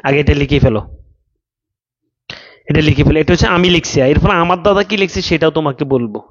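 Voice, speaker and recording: A man teaching an online class, explaining slowly, repeating each line for students to write down, and reading out chat questions. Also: a little high, highs cut off. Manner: reads out questions from live chat.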